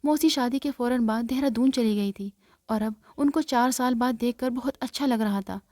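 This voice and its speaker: A woman telling a story in the first person, earnest and plaintive, with a warm, mellow tone. Her voice sits fairly high, and the recording is dry and close. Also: no room sound.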